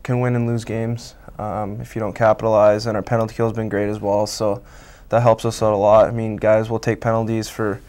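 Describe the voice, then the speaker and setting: A Canadian college hockey player in his twenties, whose first language is Italian, answers interview questions casually as a guest in a small local TV studio. His fairly low voice is smooth and clear yet flat and even, moving a little fast, and a lapel mic catches his relaxed delivery full of "um" and "I mean."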